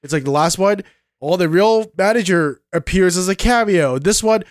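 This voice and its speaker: A man with a fairly high voice co-hosting a casual podcast, venting his frustration and swearing as he talks. The sound is dry and close to the mic. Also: animated, moderate pace, no echo. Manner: exasperated, swears, agrees along. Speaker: podcast co-host.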